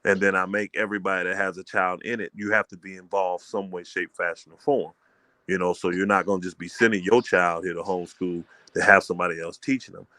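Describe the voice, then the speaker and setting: A middle-aged community elder and homeschool leader from Fort Wayne, Indiana, talks in a casual call-in chat with an emphatic, preacherly style, often checking "you know what I mean." His lowish voice is fast, pushed and bright, with little pitch movement. The sound is dry and close, with no echo or room around it.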